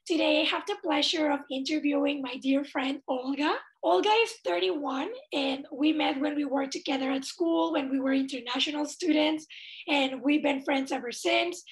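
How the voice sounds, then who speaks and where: A woman in her twenties hosting an interview podcast, introducing the show and asking friendly questions. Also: high-pitched. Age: 20s. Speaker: podcast host.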